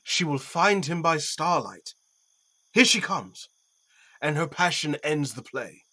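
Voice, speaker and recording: Audio-play role: teasing aristocrat, acted by a man, lightly high male voice, wry wit, classical comedy. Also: animated, takes it slowly, sharp tone, heavily acted. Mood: dry mockery. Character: witty, mocking nobleman heckling a play. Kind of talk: Shakespearean audio play acting.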